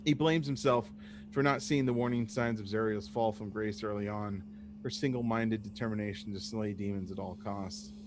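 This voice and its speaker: A man's voice: on the low side, steady tone, normal speed. A man narrating a tabletop game as the game master. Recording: noisy voice recording with hum.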